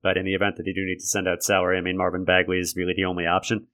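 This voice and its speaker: A man hosting a sports podcast solo, talking analytically and conversationally in a gravelly voice left raspy by a lingering cold. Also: deep voice, monotone, racing, a bit bright. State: raspy from a lingering respiratory infection. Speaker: podcast host. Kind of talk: sports commentary monologue.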